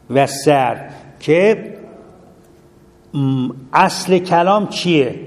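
Male teacher, lecturing, lively with questions to the class, slightly high voice, long hall reverb. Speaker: seminary teacher.

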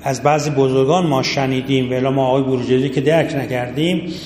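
A man's voice: medium pitch, fairly even intonation, darkish tone, a little hiss or hum. A middle-aged man teaching a seminary jurisprudence class, talking casually and addressing his students directly. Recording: echoey hall with long reverb, faint ambience.

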